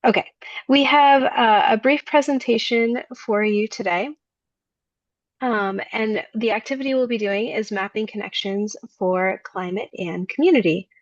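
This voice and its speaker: Leading a design workshop on a video call, this Maine-raised woman in her thirties, a lecturer and facilitator, speaks with lots of ums and uhs. She has a mid-range voice and a slightly slow pace, with no room sound in the dull, dry call audio.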